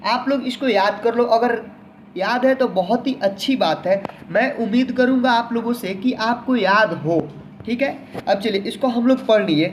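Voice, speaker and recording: A man's voice: very high-pitched, normal speed, slight background noise. A man teaching an online lesson in a patient manner, who repeats each word several times and often addresses the viewer as his friend.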